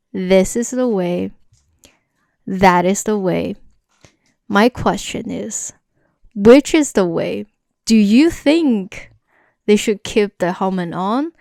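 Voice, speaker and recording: A woman co-hosts a casual review podcast with a gravelly, fry-laced voice. She teases her co-host and keeps steering the talk with questions. The sound is dry and close. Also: medium pitch, darkish tone, no echo.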